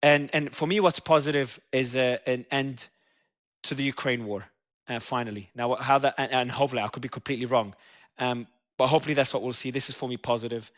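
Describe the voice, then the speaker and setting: Male panel host, mid-pitched, halting with fillers and restarts, on dull lo-fi stream audio. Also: fairly even intonation, a bit bright. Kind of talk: live news panel discussion.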